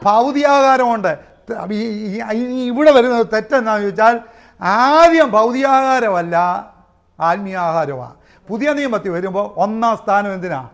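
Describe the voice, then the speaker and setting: A man preaching a fiery sermon, swinging loud shouts to low asides with praise exclamations. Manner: swings between shouting and near-muttered asides, with tongues and exclamations. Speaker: pastor. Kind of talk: Pentecostal sermon.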